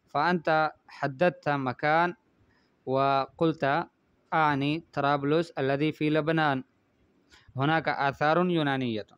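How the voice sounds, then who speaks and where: A male teacher explains punctuation marks step by step, in a smooth, clear voice pitched a little high. He repeats phrases to drive points home and keeps checking that his listeners follow. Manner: explains patiently, often checking with "good" and "understood?". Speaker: Arabic writing teacher. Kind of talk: classroom lesson on punctuation.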